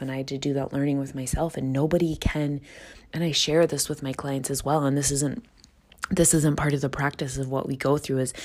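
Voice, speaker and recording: A woman's voice: low voice, a little mellow, husky. A woman hosting a solo self-help podcast, speaking earnestly and reflectively, often rephrasing and repeating herself for emphasis. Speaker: podcast host and coach.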